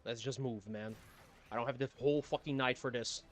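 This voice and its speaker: A man's voice: mid-range voice, fairly even intonation, a little fast. A man streaming from his apartment, giving casual gameplay commentary in a grumbling, sardonic manner and swearing often. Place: home apartment.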